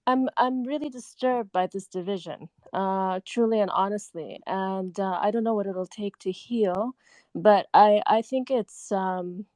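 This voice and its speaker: Earnest woman from sudan calling in, lots of ums, mid pitch, dry sound. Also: measured pace, a little mellow, no room sound. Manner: earnest, hesitant, many fillers. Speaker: caller. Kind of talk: call-in talk.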